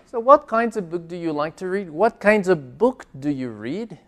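Male teacher, native Spanish speaker, unhurried careful delivery, classroom lesson with repetition. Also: high-pitched, animated. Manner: slow, careful modelling of English phrases with repetition. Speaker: English teacher. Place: classroom with a board.

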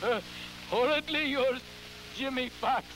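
High-voiced, slow, ghoulish horror host. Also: male voice. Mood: macabre, gleeful. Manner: slow, halting, repeats words, cackling theatrical delivery. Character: ghoulish male horror host, scheming, theatrical talent agent. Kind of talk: campy TV horror host monologue. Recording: noisy, humming vintage television recording.

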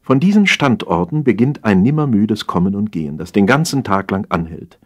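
This audiobook narration of a comic satire comes from a man whose voice is fairly low-pitched. He tells the story expressively and at a measured pace.

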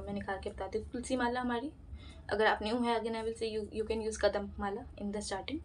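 A woman talks through a devotional chanting lesson in a relaxed vlog, her voice sitting a little high. She chats along, mixing in English phrases and demonstrating with her hands as she explains. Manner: chatty, mixes Hindi with English phrases. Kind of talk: casual instructional vlog.

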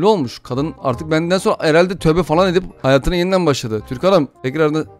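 A fast-talking young man gives gameplay commentary with quick, excitable chatter. He often jumps into loud, high-pitched yells and jokey swearing. Light music plays underneath. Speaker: gaming YouTuber.

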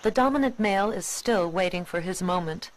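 A woman reading scripted nature documentary narration in a measured, expository way. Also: medium pitch, low-quality recording.

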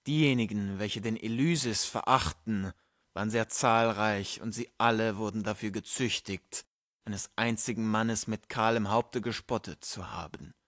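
A man's voice: fairly low pitch, unhurried, fairly bright tone, no room sound, studio quality. A man playing an irate, preachy old friar. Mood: indignant. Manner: indignant, preachy, quoting scripture. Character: irate, pompous male friar, older theologian.

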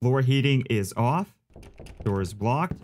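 A man's voice: mid-range voice, expressive, slow, a little mellow, slight background noise. A man playing a horror game and commentating as he thinks aloud, easily spooked like a scared streamer.

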